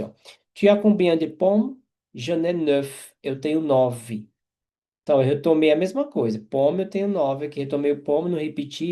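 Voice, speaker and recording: A man's voice: fairly high pitch, dark tone. A man teaching French grammar, explaining each example and checking in with listeners as he goes. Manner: repeats and checks in with quick tags.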